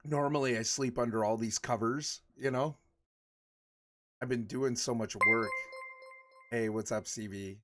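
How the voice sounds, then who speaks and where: A man's voice: mid-range voice, steady tone, unhurried, pauses often, a bit bright, soft background music. A man in his forties chatting casually with his livestream viewers, rambling and laughing often. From Michigan. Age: 40s. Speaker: livestream host.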